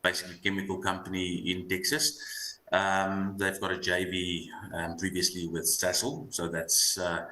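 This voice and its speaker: Deep-voiced man with broad Afrikaans South African accent. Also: completely flat delivery, pushed and bright. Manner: halting, repeats words as he thinks. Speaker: investment analyst guest. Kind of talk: unscripted market commentary. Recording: roomy echo, light background noise.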